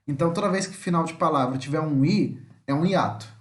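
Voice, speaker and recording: A man with a Brazilian Portuguese accent teaching an online language lesson, patiently explaining and often checking in with the listener, slowly spelling out words syllable by syllable. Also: on the high side.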